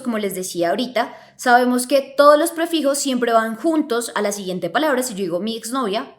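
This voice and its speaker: Woman hosting a podcast lesson, slightly high voice, patient and teacherly with lots of fillers. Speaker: educational psychology podcast host.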